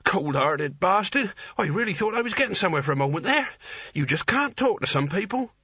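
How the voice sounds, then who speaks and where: A man's voice: high voice, animated, normal speed, sharp tone, no echo, lo-fi sound, pitched above the performer's own voice, heavily acted. A man voicing a timid, earnestly polite young male hero who stammers and hesitates. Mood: indignant.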